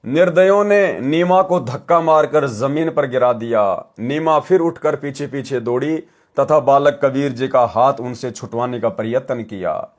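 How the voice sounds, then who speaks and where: A man's voice: medium pitch, a little slow. A male preacher reading a scripture story aloud and stopping to comment, calling his listeners brothers and sisters.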